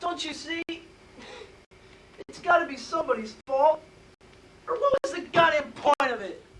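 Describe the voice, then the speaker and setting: A woman's voice: high-pitched, normal speed, fairly bright tone, recorded from a distance, slight background noise, poor audio. A woman acting a grieving, guilt-ridden teenage boy in a school stage play, distraught and stammering. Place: school stage, recorded from the hall.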